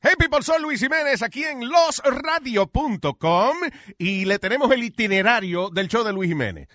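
Radio host man, high lively voice, upbeat promo read. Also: moderate pace, no room sound, clean studio sound.

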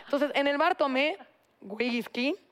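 A young woman with a Mexican accent telling a story in an animated, slangy way in a casual chat. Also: high-pitched, a little slow. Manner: animated, slangy, acts out quotes. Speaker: guest storyteller.

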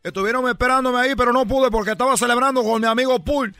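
A man voicing a boastful Cuban baseball player with a Cuban accent in a comedic radio bit, loud and rambling, repeating himself. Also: extremely high pitch, racing, dry recording, soft background music, heavily acted. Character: boastful Cuban ballplayer, adult man, brash joker.

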